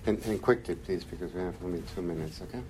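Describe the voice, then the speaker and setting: A man moderating, briskly calling for questions and hurrying the speakers. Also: low voice, a little mellow, a little hiss or hum.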